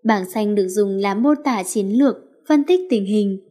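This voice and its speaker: A woman narrating a story in an expressive reading voice. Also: medium pitch, normal speed.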